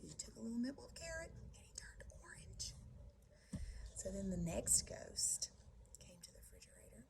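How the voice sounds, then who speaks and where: A woman storyteller telling a story to children, animated and often dropping to a whisper. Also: medium pitch, normal speed, creaky.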